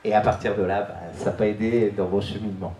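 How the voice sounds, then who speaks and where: A Frenchman gives a hesitant personal testimony at a church youth event, full of fillers and restarts. His voice is fairly low and level, his pace quick, and a crowd can be heard in the echoey room.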